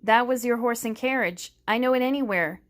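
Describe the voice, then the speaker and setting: A woman's voice: a little high, fairly quick, lightly acted. A woman reading aloud, voicing a menacing grown male slave hunter who demands and snarls. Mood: demanding.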